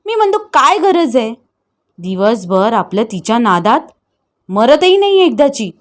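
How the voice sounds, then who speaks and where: A woman's voice: sits high, lively intonation, normal speed. A woman voicing an angry, contemptuous brother who scolds harshly, in an audio story.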